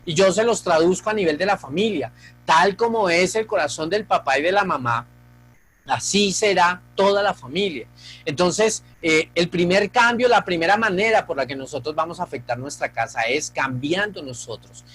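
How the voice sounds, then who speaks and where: A man's voice: sits high, normal speed, a bit bright, husky, faint music behind, poor audio. A male pastor preaching a sermon, earnest and speaking straight to the congregation.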